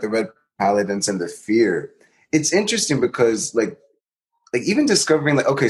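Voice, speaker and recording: A man co-hosting a podcast, amused and animated, with lots of fillers. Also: mid-range voice. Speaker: podcast co-host. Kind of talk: casual discussion.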